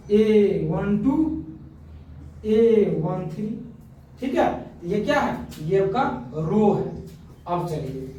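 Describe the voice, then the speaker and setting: A man's voice: high voice, a little mellow. A man teaching a math lesson at a board. He keeps asking questions, answers them himself and corrects himself often. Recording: very echoey room, mic far off, faint noise.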